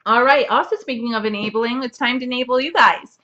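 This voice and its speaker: Bright chatty woman podcaster, lo-fi. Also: on the high side, fairly quick. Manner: chatty, bubbly, with many fillers and restarts. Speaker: podcast host. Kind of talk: casual knitting podcast chat. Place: home, seated at a computer.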